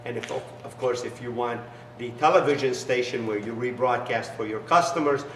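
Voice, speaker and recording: A middle-aged business founder who isn't a native English speaker gives an enthusiastic, salesy promotional demonstration in a large garage, his phrasing broken. He speaks at normal speed, caught by a camera mic a few steps away in the echoey space with slight background noise.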